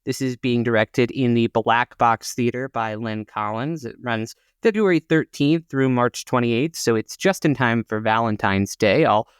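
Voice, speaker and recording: Measured in pace with few pauses, the man's medium-pitched voice is clean, echo-free, and has clean studio sound. He's a co-host on a theater podcast who chats casually while reading listings informatively, filling gaps with lots of "uh."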